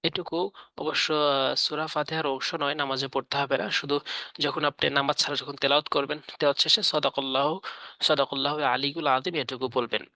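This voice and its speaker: A man teaching how to recite, explaining in plain speech and then chanting verses slowly with long drawn-out vowels. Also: on the high side, level tone, pushed and bright, no room sound. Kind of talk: spoken lesson with slow chanted recitation. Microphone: audio only, no camera.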